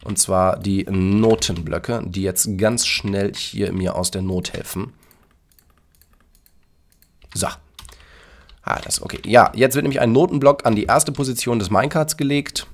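A man's voice: fairly low pitch, a little slow, long pauses. A man casually commenting on his Minecraft build and explaining it to his viewers. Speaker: YouTuber demonstrating a Minecraft build.

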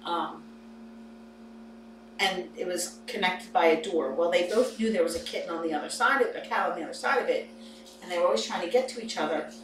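A woman in her forties hosts a kitten rescue livestream from an indoor cat playroom, chatting casually and cooing softly to the kittens. Her voice is fairly low and her pace brisk. The recording sounds roomy, with a distant mic and a noisy background.

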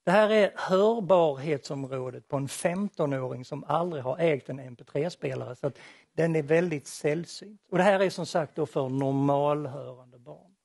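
A man's voice: on the high side, creaky, a little mellow, no room sound, studio quality. A man giving an explanatory lecture presentation on acoustics, with a light touch of humor.

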